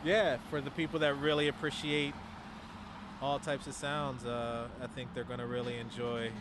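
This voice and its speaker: An enthusiastic young man talks as a guest in a halting, casual interview. His voice is mid-pitched. He is recorded outdoors with clear traffic and vehicle noise behind him. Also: level tone. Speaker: sound artist guest. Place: outdoors by a street and parking garage.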